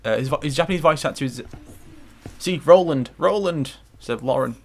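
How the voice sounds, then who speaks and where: A man's voice: fairly high pitch, animated, moderate pace, gravelly. Rambling, swearing young man over gameplay. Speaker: gaming commentator. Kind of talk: let's play commentary.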